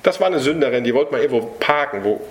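A man's voice: medium pitch, expressive, fast talker. A man preaching an earnest evangelistic sermon to an audience in a hall, talking directly to listeners, then leading a prayer. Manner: earnest, direct, speaks to listeners with tag questions. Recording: echoey hall.

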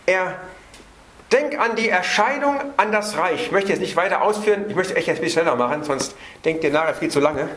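A man with a high, animated, slightly bright voice preaches an evening sermon on a Bible passage, in a roomy-sounding space. He slows down to stress words and hurries through his asides.

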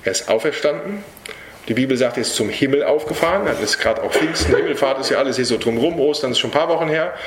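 Earnest German-speaking preacher in an echoey hall. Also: male voice, mid-range voice, lively intonation, fast, background noise. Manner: earnest, direct, speaks to listeners with tag questions. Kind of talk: evangelistic sermon and closing prayer. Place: hall with an audience.

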